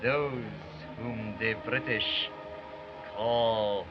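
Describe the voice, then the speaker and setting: An actor playing a solemn man who brings news to a fugitive, speaking in a measured, stagey way on an early talkie film soundtrack. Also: lowish voice, steady tone. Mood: grave. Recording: muffled old film sound with music.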